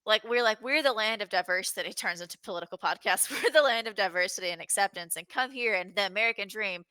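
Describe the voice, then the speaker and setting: A woman co-hosting a podcast in casual chat, profane and excitable, quick to laugh. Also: mid-range voice, clear, resonant tone, dry recording. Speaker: podcast co-host.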